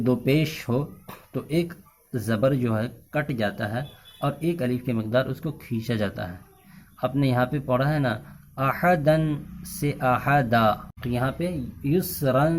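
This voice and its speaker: A man's voice: medium pitch, darkish tone. Male teacher, patient and methodical, mid-range voice, walks students through rules. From Bihar, India. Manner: patient, explains rules step by step and has learners repeat after him. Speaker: Quran reading teacher. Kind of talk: teaching lesson.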